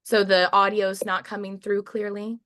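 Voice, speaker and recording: A woman's voice: medium pitch, level tone, normal speed, fairly bright tone, no echo, studio quality. Woman instructor with choppy, uneven-volume audio. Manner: friendly, reassuring, many fillers. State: getting over being sick, coughing. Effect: choppy audio with uneven volume, cutting out. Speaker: college instructor. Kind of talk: live online class welcome, casual. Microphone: computer mic on a video call.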